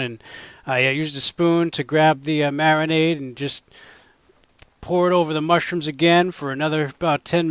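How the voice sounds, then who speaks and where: A man with a high voice talks through his home cooking video in a casual, chatty way, joking at himself and speaking straight to his viewers. He is recorded close and dry, with no room sound around him. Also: fairly bright tone, clear, resonant tone, dry recording. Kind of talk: casual cooking vlog narration.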